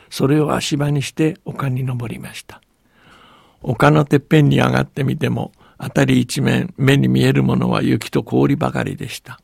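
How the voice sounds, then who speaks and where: Gravelly-voiced man narrating a storybook. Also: medium pitch, no echo, studio quality. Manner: calm, even storytelling with hushed passages.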